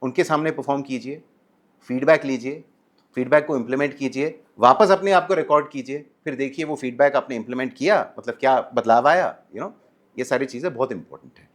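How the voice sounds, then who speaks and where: A man with an Indian accent speaks as a communication coach, recorded on an indoor podcast set. He explains in an animated way and moves easily between Hindi and English phrases. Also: mid-range voice, a little fast. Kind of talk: podcast interview.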